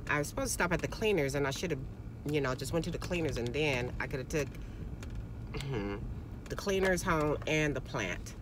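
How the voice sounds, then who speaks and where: A woman in her forties vlogs from a parked car, chatting with viewers in a relaxed, conversational manner and often calling them "girl," captured on a phone held at arm's length. Her low-pitched voice carries a fairly bright tone over slight background noise.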